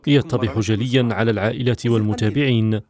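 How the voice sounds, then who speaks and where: A man's voice: fairly low pitch, fairly even intonation, fast talker, darkish tone. A man narrating a scripted television news report as its reporter. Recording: music bed behind voice-over. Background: music.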